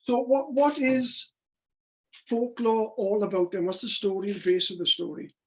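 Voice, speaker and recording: A woman interviewing authors over a video call, speaking haltingly with many restarts. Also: medium pitch, steady tone, a little mellow. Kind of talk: casual interview.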